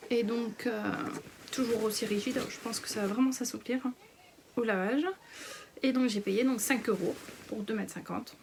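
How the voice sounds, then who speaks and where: With a slightly high, gravelly, darkish voice and fairly even intonation, a thirty-something French woman chats about a fabric haul at normal speed. She's a sewing vlogger who hesitates often, uses plenty of fillers, and frequently half-whispers. Some hiss or hum is audible.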